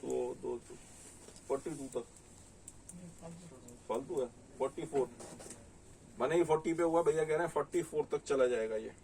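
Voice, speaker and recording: Showing garments and reading out prices and sizes, a Delhi Hindi–accented saree shop owner keeps up casual sales talk for online buyers. His mid-range voice is mellow with vocal fry, normal in speed with frequent pauses, and the rough recording is distant with slight background noise.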